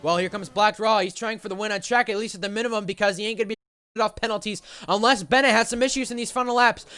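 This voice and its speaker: A man's voice: high voice, fairly even intonation, fast, bright, forceful tone, clean tone. A man commentating live on sim racing, calling the action play by play as a motorsport commentator.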